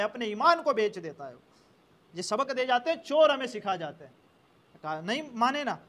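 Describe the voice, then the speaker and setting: A man's voice: sits high, fairly bright tone. A male preacher telling a story in a sermon, animatedly speaking the characters' lines in turn.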